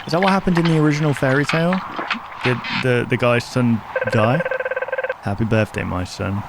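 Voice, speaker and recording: A YouTube host reacts to horror videos his viewers recommended, thinking aloud casually and often asking questions. His mid-range voice moves at a moderate pace through very heavy noise, with prominent music playing behind him.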